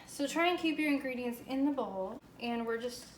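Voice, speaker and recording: A woman's voice: high voice, expressive, moderate pace. An American woman chatting casually and enthusiastically through a home baking demonstration in an informal, chirpy way. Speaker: host of a home baking show. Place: indoors, home kitchen. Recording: echoey room with faint background noise.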